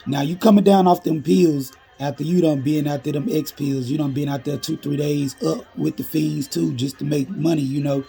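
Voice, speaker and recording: A man's voice: a little high, steady tone, normal speed, creaky, hardly any pauses, mellow, faint music behind. A man casually narrating a storytime in street slang, laid-back and full of "you know".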